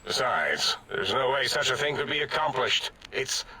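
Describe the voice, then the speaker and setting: An actor playing a haughty, excitable mad-scientist brain in a machine in a video game, with pompous, theatrical diction and a raspy edge. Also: male voice, medium pitch, normal speed, heavily acted. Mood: indignant. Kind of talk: video game character acting.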